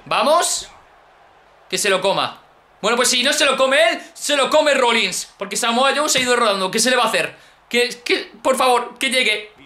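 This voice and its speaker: Young Spanish man, bright sharp tone, animated gaming commentary in an echoey room. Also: extremely high pitch, moderate pace. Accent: Peninsular Spanish. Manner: excitable, exclaims and repeats phrases, addresses viewers. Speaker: gaming YouTuber. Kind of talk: excited let's-play commentary.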